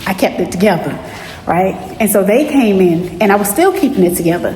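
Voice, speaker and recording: With a mellow, mid-range voice and an animated, brisk delivery, a woman in her thirties tells a story candidly in a casual vlog. Born in the Bahamas and raised in Miami, she frequently slips in "you know." The recording is low quality.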